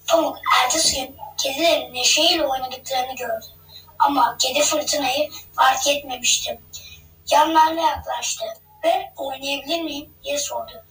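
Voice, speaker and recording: A woman narrating a children's story in a gentle read-aloud manner. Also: high voice, normal speed. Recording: echoey room, distant mic, faint hum.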